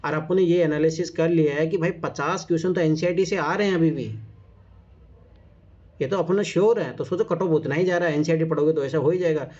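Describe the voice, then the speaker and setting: Emphatic coaching teacher, slightly high. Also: male voice, fairly even intonation, fairly quick, a little mellow. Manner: emphatic and repetitive, keeps saying "look now"; chatty, teases students. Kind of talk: casual exam-coaching class. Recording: dull lo-fi recording.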